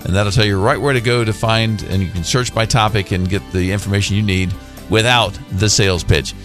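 A man's voice: lowish voice, steady tone, brisk, fairly bright tone, soft background music. A man speaking as a radio host and financial advisor, in a conversational, rambling way. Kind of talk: casual radio talk.

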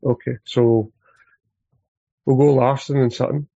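Mellow, even-toned Scottish man, dull lo-fi audio. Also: medium pitch, measured pace, vocal fry, no echo. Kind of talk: casual football chat. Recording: dull, lo-fi, dry sound.

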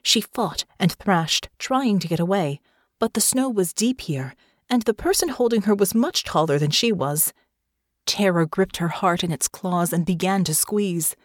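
A woman narrating an audiobook in a measured storytelling manner on a close mic. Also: on the low side, no room sound. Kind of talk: scripted narration.

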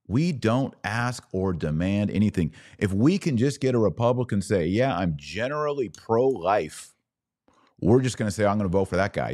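This podcast host, a political commentator, has a fairly low-pitched and somewhat mellow male voice. He delivers a fervent, emphatic monologue on politics, repeating phrases to drive points home.

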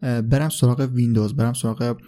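A man hosting a podcast, explaining things casually with many "uh" fillers and hesitations over foreign names. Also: medium pitch. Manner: relaxed, frequent "uh" fillers, unsure of foreign names. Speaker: podcast host.

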